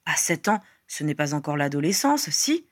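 A woman voicing a patient young male wizard, gentle and quietly exasperated, in a storybook reading. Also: deep voice, very animated, moderate pace, no room sound, clean studio sound, pitched below the performer's own voice. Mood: concerned.

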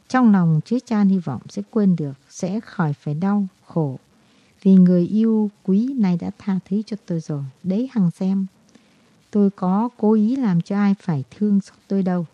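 A woman's voice: medium pitch, moderate pace, dry recording, natural voice. A woman reading the lines of a heartbroken young man who pleads earnestly with the woman he loves. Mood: resigned. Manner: earnest, pleading, melodramatic delivery. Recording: dull, dry lo-fi recording.

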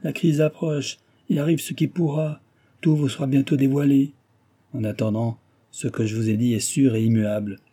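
A man voicing a bitter, proud and agitated ruined gentleman in an audiobook, speaking in a raised, vehement way with a husky voice. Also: medium pitch, steady tone, normal speed. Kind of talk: audiobook character reading.

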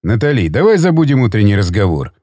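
A man voicing a vengeful young male surfer in an audiobook, with a taunting, drawling delivery in a deeper voice than his narration. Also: sing-song, fast, warm tone, no room sound, studio quality. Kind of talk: audiobook character reading.

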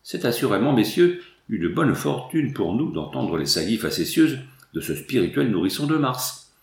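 A man voicing a pompous, mocking gentleman who speaks in flowery phrases. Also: medium pitch, sing-song, normal speed, creaky, echoey room.

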